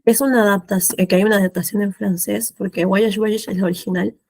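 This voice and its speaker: A woman's voice: medium pitch, fairly even intonation, gravelly, a little mellow, no echo. A woman teaching French to adult students in Spanish with an Argentine accent, patiently repeating words and checking with "¿sí?". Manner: patient, repeats words slowly, asks "¿sí?" often. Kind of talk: classroom explanation of pronunciation.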